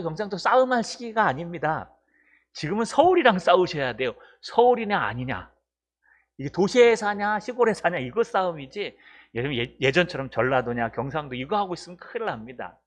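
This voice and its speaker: A man preaching a sermon in a church, animated and full of rhetorical questions to the congregation. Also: on the high side. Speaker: pastor. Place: church sanctuary. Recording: dull lo-fi church recording.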